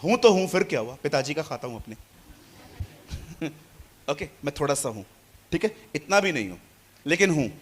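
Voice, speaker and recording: A man preaching a sermon to a congregation, shifting between quiet asides and loud, animated calls. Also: fairly high pitch, normal speed, pauses often, a little hiss or hum. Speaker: pastor. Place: church hall with congregation.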